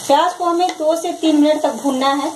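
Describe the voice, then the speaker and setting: Woman, cooking host, high voice, calm step-by-step recipe voice-over, faint hiss behind. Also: fairly quick. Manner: calm, instructive, repeats each step. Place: home kitchen, over frying sounds.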